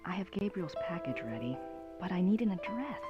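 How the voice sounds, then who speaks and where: A woman voicing a young woman researcher in a point-and-click game, speaking in a brisk, matter-of-fact way. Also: fairly low pitch, very animated, muffled recording. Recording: game audio with music.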